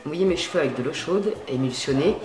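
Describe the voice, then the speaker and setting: A woman's voice: deep voice, expressive, fast, echoey room, crowd noise. A woman chatting casually while demonstrating how she dyes her hair, slangy and full of fillers. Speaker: beauty vlogger. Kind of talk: casual hair-dye tutorial chat. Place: home at night.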